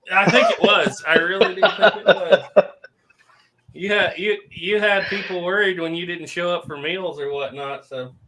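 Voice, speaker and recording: Easygoing male host, bright upbeat voice, casual storyteller on a video call. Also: high voice, fairly even intonation, moderate pace, low-quality recording. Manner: laughs often, easygoing storyteller. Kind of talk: casual chat.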